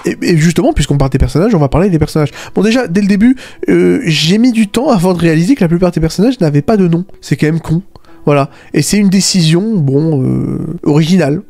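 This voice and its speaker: A man with a slightly high, mellow voice delivers a casual spoken video essay as an anime critic, talking quickly with lively intonation. He's sarcastic, tosses in mocking asides, and keeps dropping fillers like "voilà" and "hein" between points.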